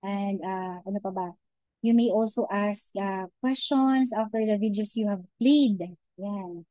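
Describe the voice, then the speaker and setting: Dark-voiced woman giving a chatty lecture. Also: mid-range voice, takes it slowly, no echo, rough recording. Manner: chatty Taglish, frequent "okay?" and "di ba?" check-ins; many hesitations and restarts. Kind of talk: informal online lecture.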